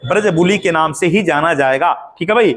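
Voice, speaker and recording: A man's voice: on the high side, a little fast, a bit bright. A man teaching an exam-prep lesson, asking questions and repeating the answers to drill them in.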